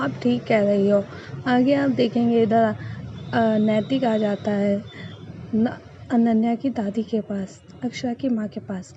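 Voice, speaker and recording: A woman's voice: fairly high pitch, dark tone. A woman telling a TV serial's upcoming episode as a story, reading each character's lines in her own plain voice. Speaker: YouTuber recapping a TV serial. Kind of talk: casual spoken recap. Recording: dull lo-fi, noisy.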